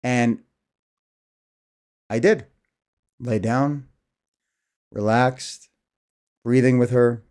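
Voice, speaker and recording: A man's voice: medium pitch, steady tone, extremely slow, long pauses, darkish tone. A man in his thirties talking candidly to camera in a casual, rambling monologue, sighing often. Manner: candid, rambling, self-deprecating, sighs often. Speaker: vlogger.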